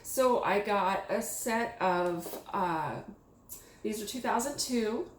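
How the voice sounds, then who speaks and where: A woman chatting casually about her thrift finds, rambling and excitable with lots of fillers, at a table at home. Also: mid-range voice, slow, reverberant, slight background noise. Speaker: thrift haul vlogger. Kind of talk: casual chat. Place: small home room at a table.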